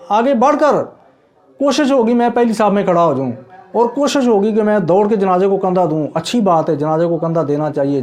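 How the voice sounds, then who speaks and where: A man with a notably high speaking voice delivers a sermon. He exhorts his listeners earnestly, repeating his points and calling them brother. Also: darkish tone. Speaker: preacher.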